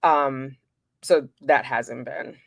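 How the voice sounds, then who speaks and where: A woman's voice: a bass voice, steady tone, extremely slow, vocal fry, dry recording. A woman doing casual true crime commentary for her viewers, chatty and informal, breaking off into asides as she walks through documents.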